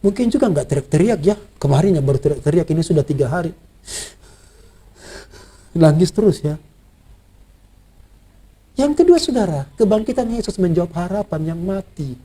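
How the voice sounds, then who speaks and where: Male preacher, high, mellow voice, lively delivery, repeats lines, asks the room questions. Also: normal speed, pauses often, breathy edge. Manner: repeats phrases and asks the congregation rhetorical questions. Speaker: pastor. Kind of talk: Easter sermon.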